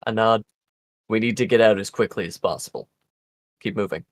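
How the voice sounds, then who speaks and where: A shrewd, commanding adventurer, acted out by a man, gives secret orders in a tabletop game. The voice is low and dry, the phrasing formal, deliberate and conspiratorial. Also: dry recording, close to an everyday voice. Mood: urgent.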